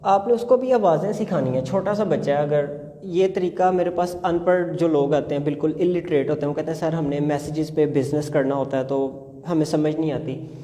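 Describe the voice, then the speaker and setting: A man teaching English spelling sounds in a phonics lesson, slowly drawing out each word. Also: fairly high pitch, mellow, long reverb tail. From Punjab, Pakistan. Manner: slow drawn-out sounding of words.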